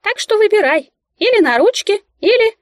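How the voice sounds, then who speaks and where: A woman voicing a cheeky, theatrical little female mouse familiar with a squeaky voice in an audiobook. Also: expressive, normal speed, no room sound, studio quality. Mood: teasing. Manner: wheedling, theatrical, easily offended. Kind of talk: audiobook character voice.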